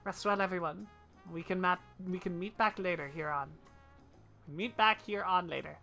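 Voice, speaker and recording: A woman's voice: on the low side, normal speed, vocal fry, sharp tone, faint music behind. A woman livestreaming a game, chatting casually to her viewers in a playful, cute streamer manner with exclamations. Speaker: livestream host playing an online game. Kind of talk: casual livestream chat with squeals and read-aloud game dialogue.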